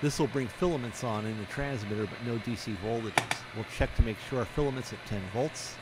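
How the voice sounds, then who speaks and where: Speaking a little fast at a medium pitch, a middle-aged man gives plain, step-by-step instructional narration. He's an amateur radio operator demonstrating matter-of-factly, with background noise clearly heard.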